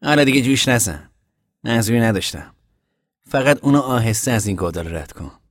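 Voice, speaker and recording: A man voicing a steady, practical young man who lays out plans in an audiobook reading. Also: mid-range voice, no room sound, studio quality, pitched above the performer's own voice, natural voice. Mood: reassuring. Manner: level-headed, explaining plans. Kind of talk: audiobook character voice.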